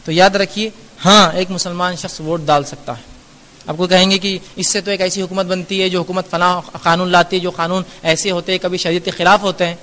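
A man's voice: high voice, little pitch movement, pushed and bright, in a large hall. A man giving a Q&A religious lecture, earnest and admonishing, explaining through everyday examples. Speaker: Islamic lecturer answering audience questions.

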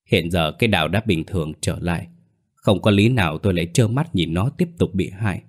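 A man playing a stern, principled older father in a spoken ghost story, low-voiced and measured. He talks calmly and firmly, with a reproachful edge. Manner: calm, firm and reproachful.

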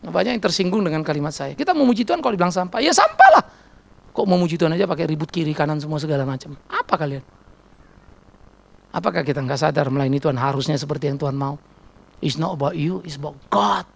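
Blunt, gravelly preaching man. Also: on the high side, fast. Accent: Indonesian. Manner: blunt, teasing, acts out dialogues. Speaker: pastor. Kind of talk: sermon.

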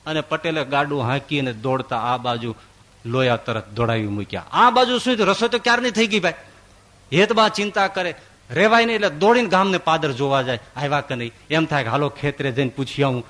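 A man, a swami, giving a devotional discourse and telling a story, acting out the characters' dialogue with big swings in pitch and loudness. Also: animated, brisk.

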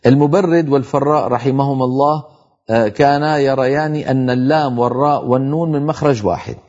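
A middle-aged man teaching tajweed on a televised lesson, explaining each rule and reciting the example words slowly. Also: medium pitch, steady tone, darkish tone, highs cut off.

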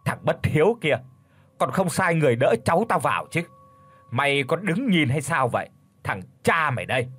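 Brief: bossy old grandfather spirit in an audio horror tale, deep and booming, husky, put on by a male narrator. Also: expressive, normal speed. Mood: commanding. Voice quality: deep booming, sometimes a feeble rasp. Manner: domineering, scolding. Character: young man faking his grandfather's ghost, gruff and commanding.

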